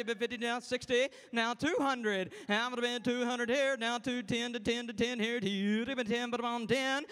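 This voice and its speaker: A young man from Kentucky calling bids in a rapid, rhythmic auctioneer's chant, rattling off repeated numbers on stage. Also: very high voice, bright, forceful tone, smooth. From Kentucky, United States. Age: young adult. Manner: rapid-fire repeated numbers and filler phrases in a sing-song chant. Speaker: auctioneer contestant. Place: large indoor stage at a competition. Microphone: handheld microphone.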